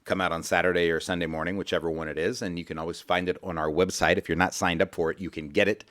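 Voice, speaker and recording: This financial radio host has a deep, fairly bright voice with little pitch movement, and he talks fast. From the studio he rambles in a folksy manner, repeating words as he slides between casual banter and selling.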